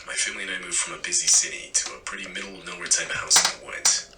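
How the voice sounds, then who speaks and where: A man reading a first-person story aloud in a steady narration, played back from a video. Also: low-pitched, quick pace. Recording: echoey, distant, faint hiss.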